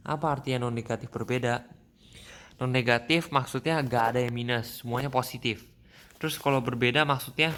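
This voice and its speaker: Young man, math tutorial, casual, halting, frequent self-corrections, mid pitch. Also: fairly bright tone. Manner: halting, many restarts and fillers, informal. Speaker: student explaining a math problem. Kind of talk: screen-recorded math tutorial.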